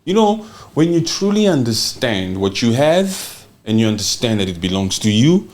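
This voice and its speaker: Fiery, animated male political podcaster. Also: medium pitch, moderate pace. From Congo. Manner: fiery, emphatic, swears and repeats "you understand?". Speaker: podcast host. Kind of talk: impassioned political talk.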